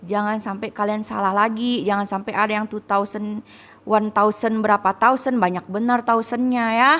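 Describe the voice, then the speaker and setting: A woman's voice: mid-range voice, steady tone, normal speed, fairly bright tone. A woman English teacher with an Indonesian accent, giving a patient lesson, repeating words and teasing students about mistakes. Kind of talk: classroom lesson, correcting students.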